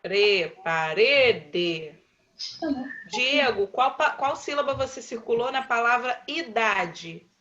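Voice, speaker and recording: Uma professora brasileira dando aula online, chamando os alunos pelo nome e repetindo as respostas com paciência. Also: female voice, a little high, pushed and bright, muffled recording, a little hiss or hum. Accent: Brazilian Portuguese. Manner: patient, slow, calls on pupils by name and repeats answers. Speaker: primary school teacher. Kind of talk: online class, quizzing pupils.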